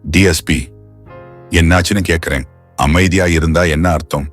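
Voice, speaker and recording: A man voicing a caring, teasing young woman who coaxes and gently scolds in an audio novel. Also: extremely low pitch, steady tone, moderate pace, soft background music. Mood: coaxing.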